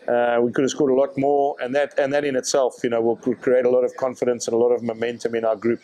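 A man, answering reporters' questions at a post-match press conference in a measured way, often repeating words as he thinks. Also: medium pitch, level tone, mellow, low-quality recording. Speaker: rugby director of rugby.

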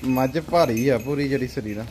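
A young man with a Punjabi accent hosting a casual livestock sale video in a farm cattle shed, asking brisk questions. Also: medium pitch, darkish tone, a little hiss or hum.

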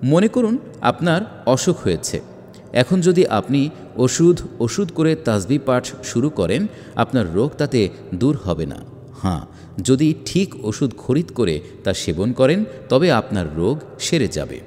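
A man reading a religious book aloud in a measured, emphatic way, with rhetorical questions. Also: mid-range voice, big pitch swings, a little mellow. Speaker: audiobook reader. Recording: long hall reverb.

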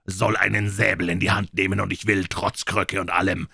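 Ein Mann spielt einen drohenden alten Piratenkoch. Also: male voice, deep voice, flat delivery, normal speed, sharp tone, no room sound, studio quality, heavily acted. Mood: menacing. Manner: gruff, threatening, bellowing. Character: menacing old one-legged pirate cook, male. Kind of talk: audiobook reading.

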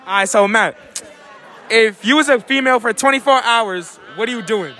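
A teenage boy interviewing classmates in a loud school cafeteria, laughing often and repeating his question into a phone. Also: high-pitched, normal speed. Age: teens. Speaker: street-style interviewer. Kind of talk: casual hype interviewing. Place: school cafeteria and auditorium, indoors. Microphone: phone held out to guests. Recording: loud chatter and hip hop music behind.

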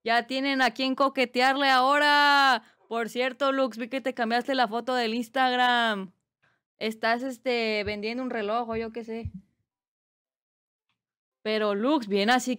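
A woman's voice: fairly high pitch, fairly bright tone, clear, resonant tone. A Mexican woman streaming live, chatting casually and reading chat aloud with playful teasing and bursts of squealing laughter.

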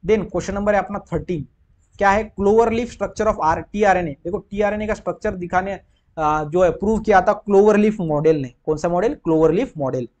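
A man's voice: sits high, fairly quick, darkish tone. An Indian man teaching biology, working through exam questions and mixing Hindi with English, asking the listeners questions and answering them himself.

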